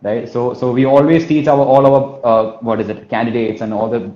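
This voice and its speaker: Here the Malayali Indian English speaker from Kerala sounds flat, with a mid-range voice and moderate pace. Coaching informally like a telesales trainer, he repeats things emphatically and leans on "right?" and "you know what I mean?" Echo and a muffled, dull quality mark the recording.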